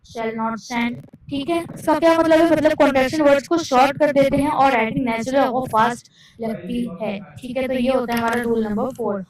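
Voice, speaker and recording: In a low-quality recording, a high-voiced woman teaches English spelling rules using Hindi. She reads every rule out slowly in English, gives a rapid Hindi explanation, and raises questions only to answer them herself.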